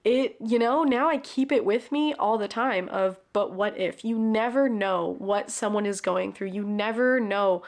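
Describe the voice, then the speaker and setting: A woman's voice: medium pitch, unhurried, few pauses. A woman talking casually about favorite stories, chatty and loose, swearing now and then and acting out quotes. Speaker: book and film reviewer. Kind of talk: casual recommendation talk.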